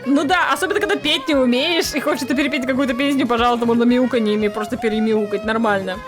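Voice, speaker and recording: A woman reacts to clips in a casual, playful way, like a cute anime streamer. Her voice sits high, and there is light music behind her. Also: fairly even intonation, fast. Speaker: streamer reacting to a clip compilation. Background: music and sounds of watched clips.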